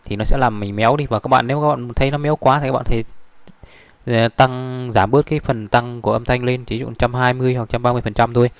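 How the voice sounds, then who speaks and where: Quick-talking man with a gravelly voice. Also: medium pitch, fairly even intonation, no room sound. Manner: rambling, many fillers and restarts. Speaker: software tutorial instructor. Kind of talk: screen-recorded tutorial.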